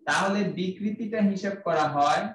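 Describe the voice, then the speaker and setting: A man's voice: sits high, normal speed, a bit bright, reverberant, recorded from a distance, poor audio. A man with a Bangladeshi Bengali accent giving a physics class, explaining step by step, asking his own questions and then answering them. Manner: uses everyday examples. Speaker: physics lecturer. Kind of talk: classroom lecture.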